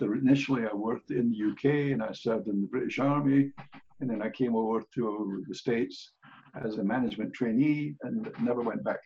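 A man's voice: mid-range voice, creaky, darkish tone, dull audio. An older man with a Scottish accent, speaking as a guest in a casual podcast interview, blunt and plain-spoken with dry humor. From Scotland.

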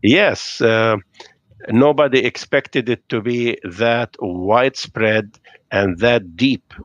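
Speaking slowly in a mid-range voice, a middle-aged man from Lebanon appears as a podcast guest in a remote interview from home on a video call. He sounds thoughtful but hesitant, using fillers and slightly non-native phrasing. The recording is dry and lo-fi.

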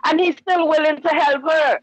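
A woman's voice: sits high, fairly even intonation, normal speed, rough recording. A woman calling in to a talk show, earnestly giving her sympathetic view. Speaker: caller. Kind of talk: call-in radio commentary.

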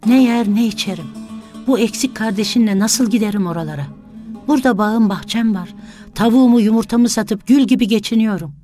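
A reader voicing Hezar, a grieving, sharp-tongued village mother who scolds loudly, in a storybook reading with faint music behind. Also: a little high, a little fast, voice pushed up, lightly acted. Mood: stubborn.

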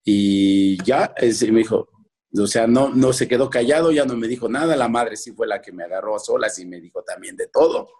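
Husky Mexican man telling old stories. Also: fairly low pitch, moderate pace, a little mellow. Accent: Mexican Spanish. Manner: rambling with many restarts, acts out his parents' voices. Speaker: former footballer, guest. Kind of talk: casual interview storytelling.

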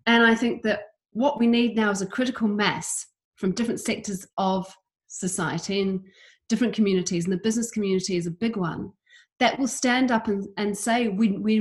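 A woman's voice: mid-range voice, moderate pace. A woman from New Zealand, a campaigner against homelessness, answering interview questions in an earnest, emphatic way.

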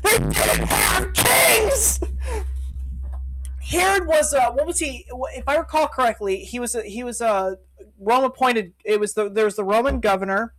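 Excitable male co-host who interrupts and shouts. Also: very high-pitched, fairly quick, rough recording. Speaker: podcast co-host. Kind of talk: casual comedic chat.

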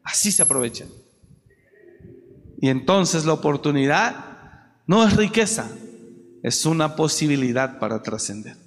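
Man, preacher, sermon, unhurried delivery, long echo of a big hall. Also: fairly high pitch, animated. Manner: builds from quiet storytelling to shouted exhortation.

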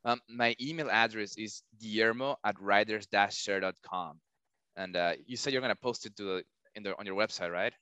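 A man's voice: fairly low pitch, moderate pace, pushed and bright, clear, resonant tone, dry recording, dull audio. A man as a podcast guest, explaining finance step by step with frequent restarts. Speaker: startup founder guest. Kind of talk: casual interview chat. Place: lives in a large city.

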